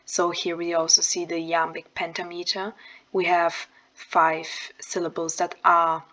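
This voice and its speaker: A young woman giving a casual lesson on verse, pausing on fillers and correcting herself as she goes. Her voice sits on the lower side, and her intonation barely rises or falls. She sounds like a student sharing her own study method. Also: monotone, pushed and bright, dull audio. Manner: thinking aloud, with frequent fillers and self-corrections. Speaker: student explaining a poem. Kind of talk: casual explanatory lesson over slides.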